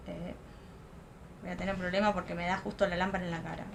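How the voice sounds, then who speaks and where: A woman's voice: lowish voice, level tone, fast talker, creaky, background noise. A young woman, chatting casually through a makeup tutorial at home and thinking aloud. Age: young adult. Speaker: makeup vlogger. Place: home room, close to a lamp.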